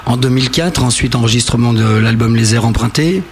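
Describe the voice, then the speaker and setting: A man with a gravelly, broken smoker's voice, chatting casually and jokingly as a rock musician in a radio interview. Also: medium pitch, a little fast, slight background noise. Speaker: rock band member being interviewed.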